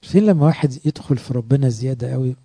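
A man with an Egyptian Arabic accent preaching a sermon in a lively, conversational way, often asking his listeners questions. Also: medium pitch, very fast, slightly rough, dry recording.

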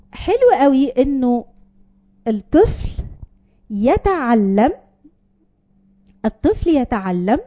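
A woman's voice: sits high, highs cut off. A woman with an Egyptian Arabic accent gives a parenting advice talk to an audience, earnest and explaining, with many fillers. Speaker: parenting speaker.

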